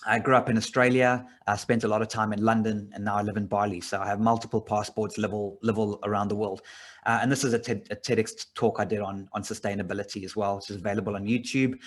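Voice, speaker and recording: A man's voice: fairly low pitch, little pitch movement, fast talker. Middle-aged man presenting slides, rambling. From South Africa. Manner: rambling with frequent fillers and restarts. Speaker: business owner presenting a job opportunity.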